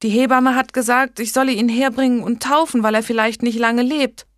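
A woman reading an audiobook gives a higher, pleading voice to a flustered, tender young woman caring for a newborn. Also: fairly even intonation, no echo, clean studio sound, lightly acted. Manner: pleading, tearful, hurried.

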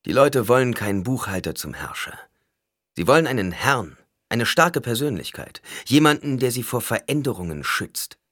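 Male reader as a patient, lecturing advisor, lively delivery, dry close sound. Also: mid-range voice, normal speed, no echo, pitched above the performer's own voice. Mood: calm. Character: calm, lecturing male advisor, cool and philosophical. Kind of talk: audiobook character voice.

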